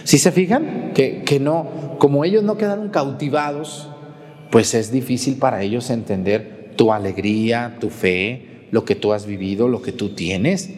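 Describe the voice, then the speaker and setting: A man's voice: medium pitch, measured pace, a little mellow. A man with a Mexican accent, a priest giving a sermon in a conversational way, often putting questions to his congregation. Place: church. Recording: long hall reverb in a church.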